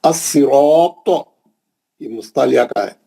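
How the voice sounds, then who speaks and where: Here a man's voice, a little high, mellow and husky, moves at a normal pace. He's from India, has a Hyderabadi Urdu accent, and patiently teaches a Quran recitation classroom lesson, repeating points and checking in with students.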